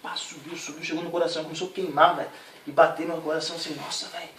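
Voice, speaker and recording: A young man giving an animated, slangy spoken testimony in a church setting. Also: on the high side, racing. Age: young adult. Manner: slangy, animated storytelling with voiced impressions. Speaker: testimony giver. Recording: echoey room, distant mic, noisy.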